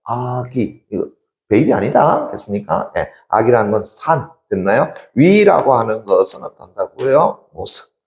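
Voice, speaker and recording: A man's voice: medium pitch, big pitch swings, unhurried, a little mellow, roomy sound. A man teaching a literature class in a lecture style, asking rhetorical questions and answering them himself.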